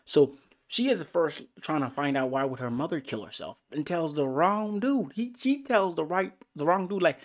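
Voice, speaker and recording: A man giving a casual, excitable movie review, full of profanity and swinging between loud outbursts and hushed whispers. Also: fairly high pitch, moderate pace.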